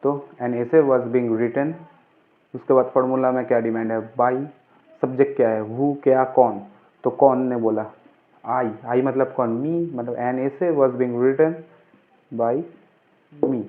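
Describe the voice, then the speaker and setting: A man with a mid-range voice speaks slowly and fairly evenly as an informal grammar tutor, asking questions and then answering them himself in an instructive way. The audio is muffled and narrow-band, like a phone line.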